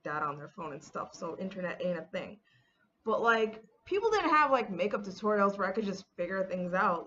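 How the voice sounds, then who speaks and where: A woman's voice: medium pitch, fairly bright tone, lo-fi sound, a little hiss or hum. A woman in her early thirties chatting casually in a get-ready-with-me vlog, telling stories with lots of "like" and retold dialogue. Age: 30s. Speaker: beauty vlogger.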